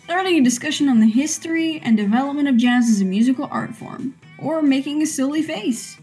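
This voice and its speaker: Young woman reading a game out loud, high soft-edged mellow voice, chatty. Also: a little fast, soft background music. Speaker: gamer reading narration aloud. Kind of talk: casual narration of a video game with friends.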